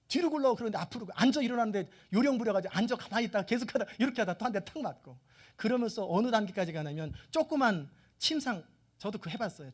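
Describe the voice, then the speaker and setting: A man preaching a sermon, telling the story with animated delivery and putting questions straight to his listeners. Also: sits high. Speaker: pastor.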